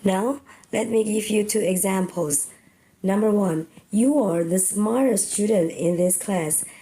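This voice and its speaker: Woman, Indonesian accent, young adult, English teacher, very slow, mellow tone, careful syllable-by-syllable delivery. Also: medium pitch, poor audio. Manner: deliberate, stretching out example words syllable by syllable. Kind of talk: slow step-by-step grammar lesson.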